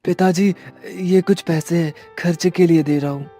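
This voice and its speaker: A man's voice: a little high, fairly even intonation, a little slow, mellow, faint music behind, voice pushed up. A man voicing a humble, weary young village father who talks earnestly.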